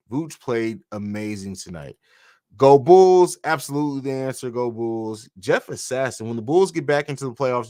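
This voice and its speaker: A man's voice: medium pitch, no echo, studio quality. Casual man answering live-stream comments. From grew up in Italy and Germany. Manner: conversational, answers viewer comments with fillers. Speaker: podcast host.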